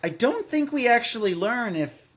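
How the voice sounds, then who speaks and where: A man with a very high, very animated, slightly bright voice co-hosts a podcast at a moderate pace, recorded in person alongside his co-host. In casual chat he recaps and critiques a radio drama, repeating words often and rambling into exasperated asides.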